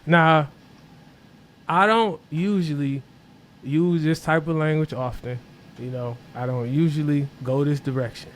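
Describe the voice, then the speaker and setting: A man's voice: on the high side, unhurried, slight background noise. A young man co-hosting a sports podcast, emotional and cursing as he rants about a rival team. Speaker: podcast co-host. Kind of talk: casual sports chat.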